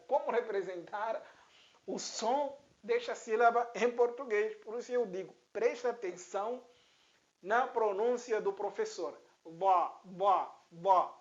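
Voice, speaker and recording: A man's voice: high-pitched, highs cut off. A man teaching a language lesson, patiently repeating syllables one at a time for learners to copy. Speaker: Arabic teacher.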